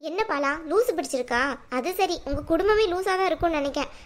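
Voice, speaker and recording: A woman's voice: very high voice, animated, fast talker. A woman voicing a bold, blunt young daughter-in-law in a cartoon, arguing back defiantly. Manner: defiant, argumentative. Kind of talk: cartoon dubbing.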